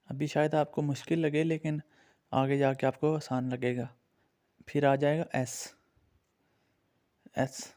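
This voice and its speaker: A man's voice: medium pitch, warm tone. A man with an Urdu-influenced accent teaching a beginners' language lesson, patiently naming and repeating each letter for his learners.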